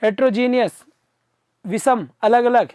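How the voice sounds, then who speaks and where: A man teaching an exam-prep vocabulary class live online, coaxing his students to answer quickly and replying to their comments. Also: very high voice, a little mellow, smooth, dry recording. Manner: reads out viewer comments and answers them.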